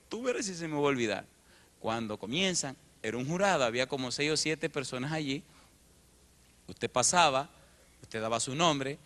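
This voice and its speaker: Male pastor, middle-aged, bright tone, animated sermon storytelling. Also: fairly high pitch. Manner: animated storyteller acting out dialogue.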